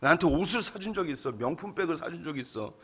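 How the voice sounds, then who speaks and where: A man's voice: fairly high pitch, animated, fast, sharp tone, husky, full character voice. A male pastor voicing a boastful unfaithful wife who taunts her husband. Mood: boastful scorn. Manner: bragging, taunting.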